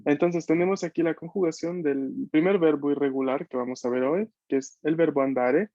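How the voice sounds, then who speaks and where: In a dry, dull video-call recording, a man with a warm, somewhat high voice speaking at normal speed teaches beginners a language. He patiently makes sure everyone follows, asking questions frequently.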